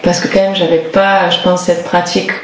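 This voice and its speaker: A woman singer from the Toulouse area in southern France speaks fairly quickly in a fairly low, flat voice during a casual interview. Her speech is thoughtful yet hesitant, full of fillers and restarts as she searches for phrasing. The audio carries a roomy echo and clear background noise.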